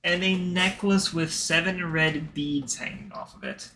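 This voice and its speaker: A man narrating as game master of a tabletop game, describing scenes in an unhurried, descriptive way. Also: on the high side, fairly even intonation, bright, forceful tone.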